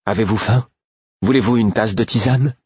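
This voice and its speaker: A man's voice: on the low side, moderate pace, darkish tone, slightly rough, dry recording, muffled recording, voice pushed up. A man playing a grave, caring noblewoman. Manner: grave, solicitous.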